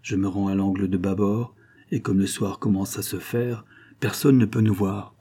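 A man giving a measured, steady reading of a novel as an audiobook narrator. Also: on the low side, slightly rough. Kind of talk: scripted literary narration.

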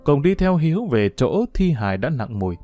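A man's voice: a little high, big pitch swings, fairly quick, warm tone, faint music behind. A man narrating a story as an audiobook, reading expressively.

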